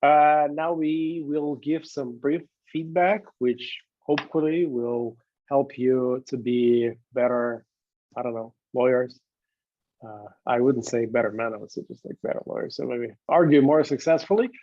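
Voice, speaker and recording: A man chats loosely on a video call, rambling and restarting his sentences as he explains how the event will run. His voice sits at a middle pitch. The line sounds dry and a little muffled. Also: measured pace, dry recording. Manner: chatty, rambling, many restarts. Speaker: moot court organizer and timekeeper. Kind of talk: casual backstage chat on a video call.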